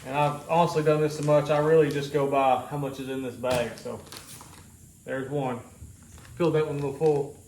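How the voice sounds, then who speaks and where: A man's voice: medium pitch, steady tone, normal speed, a little mellow, reverberant, a little hiss or hum. A man casually explaining a home cooking task in a rambling, easygoing, self-joking way. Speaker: homestead vlogger. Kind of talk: casual how-to vlog.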